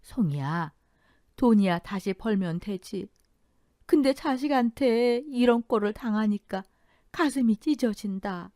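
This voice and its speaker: An old grandmother who runs a rice mill, grieving and protective, played by a woman in an audio drama. Her voice sits fairly high and swings widely, and the recording is dry and close. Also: expressive, a little slow, warm tone, dry recording. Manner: tearful, scolding, protective. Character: elderly grandmother, rice-mill owner, fierce but grieving.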